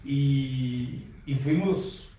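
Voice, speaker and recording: A man turning forty with a Guatemalan Spanish accent, telling his life testimony in an earnest, measured way. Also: mid-range voice, mellow. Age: 30s. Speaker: guest giving testimony. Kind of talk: personal testimony. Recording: roomy far-off mic with faint noise.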